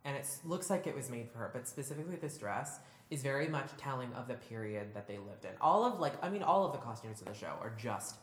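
Low-voiced woman, animated podcast chat. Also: fast talker, slight background noise. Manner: gushing, enthusiastic, lively. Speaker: podcast co-host. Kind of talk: casual chat. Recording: roomy room echo.

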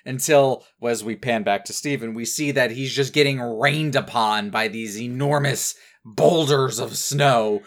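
A man's voice: medium pitch, measured pace, few pauses. Guy rambling thru a cartoon recap, lots of likes and ums, chatty. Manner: animated, detailed, with many fillers. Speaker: podcast co-host. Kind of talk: casual chat recapping a cartoon episode.

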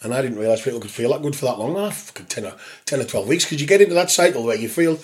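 A man's voice: medium pitch, racing. A man with a broad Scottish or Cumbrian accent chatting casually as a podcast guest, sweary, slangy and matey. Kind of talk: casual chat, anecdotal.

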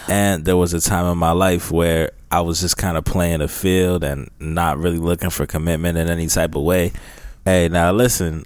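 A man's voice: deep voice, clear, resonant tone, no echo, clean studio sound. A young American man hosting a podcast, speaking in a reflective, motivational way. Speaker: podcast host.

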